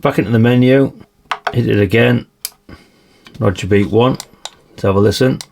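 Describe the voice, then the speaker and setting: A man with a slightly croaky voice, chatting casually through a radio review and tossing in tag questions. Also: mid-range voice, moderate pace, a little mellow, slight background noise. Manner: chatty, adds tag questions like "isn't it, really?". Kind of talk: casual product demonstration.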